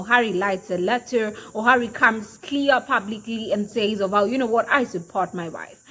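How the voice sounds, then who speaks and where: A woman with a high voice delivers opinionated commentary. She is emphatic and repetitive, peppering her talk with fillers. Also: a bit bright, low-quality recording. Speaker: commentary vlogger.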